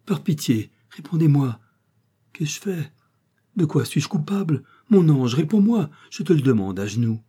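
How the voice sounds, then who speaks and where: Brief: man doing an impassioned young exile from a storybook, raised pitch, dark husky voice. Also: big pitch swings, a little slow, full character voice. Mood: pleading. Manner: impassioned, pleading declamation. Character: young exiled nobleman, passionate lover.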